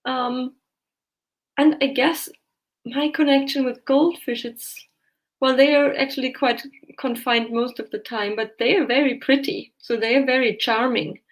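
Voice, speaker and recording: A woman hosting a tarot live stream, soft-spoken and casual, with a lot of hesitant fillers. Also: high-pitched, steady tone, unhurried, poor audio. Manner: soft-spoken, lots of fillers, reads aloud from search results. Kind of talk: casual chat.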